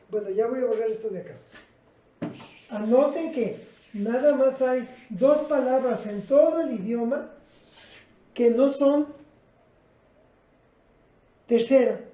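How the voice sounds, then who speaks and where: A woman's voice: on the high side, warm tone, echoey room, poor audio. A woman teaching a patient, explanatory language lesson at a whiteboard, speaking directly to her students. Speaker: English teacher.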